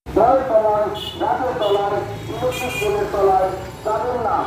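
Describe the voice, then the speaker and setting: A man making a public safety announcement for the municipality, heard over a loudspeaker from some distance, in a slow, measured and repetitive warning delivery. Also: sits high, fairly even intonation, very echoey, music in the background. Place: outdoors on the street.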